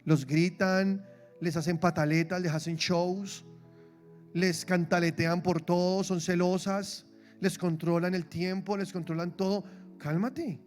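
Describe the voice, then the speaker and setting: Un hombre, pastor, que predica un sermón con acento colombiano, de forma animada y con humor, imitando voces al citar a otros. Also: male voice, high voice, measured pace, soft background music. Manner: lively, humorous, acts out quoted voices. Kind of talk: sermon. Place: church.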